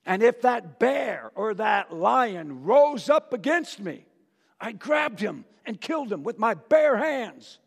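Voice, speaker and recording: A man voicing a brave young shepherd boy who speaks forcefully about his faith, in a church hall with a long reverb. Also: a little high, extremely slow, long pauses. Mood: bold.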